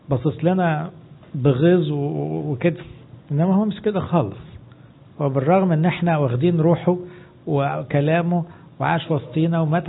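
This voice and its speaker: A man preaches with an Egyptian Arabic accent, his voice fairly high and a little husky. He teaches as he goes and slips English phrases into his Arabic. The sound is thin and tinny, as if heard over a phone line. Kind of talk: sermon.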